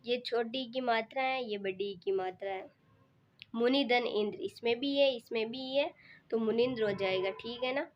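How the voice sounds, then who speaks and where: Higher-voiced woman teaching grammar, muffled. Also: normal speed. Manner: repetitive, patient step-by-step explaining. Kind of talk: exam-prep grammar lesson. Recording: muffled low-fidelity recording.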